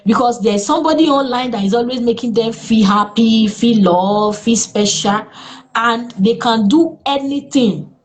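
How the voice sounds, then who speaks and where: A Nigerian woman speaking as a therapist in an interview, earnest and lively, with exclamations in her stories. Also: a little high. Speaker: therapist guest. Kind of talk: interview conversation.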